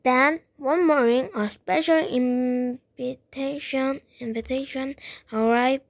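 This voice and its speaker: Woman storyteller, very slow, high voice, dry close sound. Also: steady tone, dry recording. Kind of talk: children's read-aloud narration.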